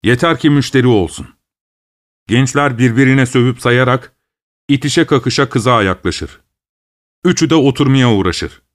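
A man reads a story aloud in a calm, measured way, with a voice of middling pitch. His delivery is steady and unhurried. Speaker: narrator. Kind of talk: audiobook story reading.

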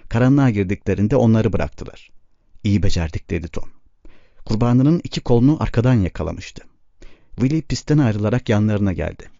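Male audiobook narrator, even and unhurried, dull lo-fi recording. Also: on the low side, no room sound.

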